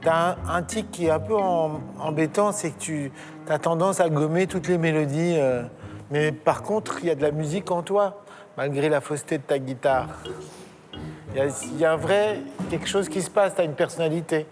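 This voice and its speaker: Teasing man judge, higher voice. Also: moderate pace, soft background music. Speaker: talent show judge. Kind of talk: judge's critique. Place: audition room.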